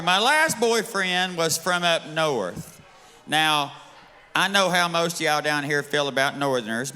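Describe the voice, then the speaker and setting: A man's voice: on the high side, bright, forceful tone, in a large hall. A man with a Southern US accent doing a brash, bawdy, drawling live stand-up set on a bar stage. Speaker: stand-up comedian.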